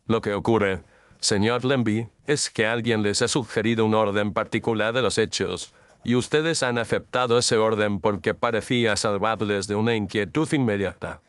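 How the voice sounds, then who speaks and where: A man playing Sherlock Holmes as a composed, incisive Victorian detective, speaking formally and deliberately in an audio drama. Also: fairly low pitch, steady tone, smooth, no room sound, natural voice. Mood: probing, assured. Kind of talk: Spanish audio drama mystery acting.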